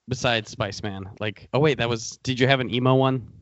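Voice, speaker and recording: A man's voice: mid-range voice, fairly even intonation, brisk, no room sound, highs cut off. A man co-hosting a casual music podcast in a laid-back way, steering the talk along. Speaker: podcast co-host. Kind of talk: casual chat.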